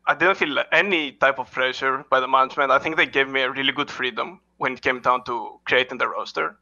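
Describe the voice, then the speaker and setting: In lo-fi audio, a male head coach answers interview questions casually in a medium-pitched, gravelly but bright voice with fairly even intonation. He talks haltingly, restarting often, using lots of "uh" fillers and phrasing that marks him as a non-native speaker.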